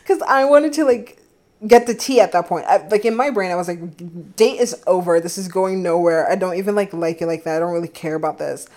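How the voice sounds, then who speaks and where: A young woman in her twenties from the Philadelphia area hosts a solo podcast in a medium-pitched, darkish voice. She tells a dating story chattily, giggling and using lots of fillers.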